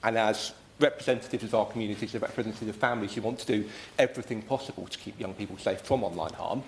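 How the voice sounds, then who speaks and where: A British man giving an earnest, measured and wordy speech as a member of parliament in a formal debate. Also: lowish voice. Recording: echoey room, faint background noise.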